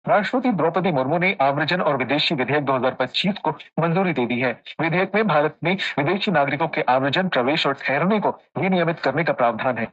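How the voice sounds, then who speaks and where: A man anchors a radio news bulletin in a fairly high voice. His reading is formal, scripted and measured. The broadcast sound is dull and lo-fi. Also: a bit bright.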